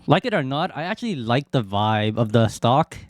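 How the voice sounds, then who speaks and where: A man's voice: mid-range voice, very animated, normal speed, no room sound. A man from Canada doing casual reaction commentary as a streamer.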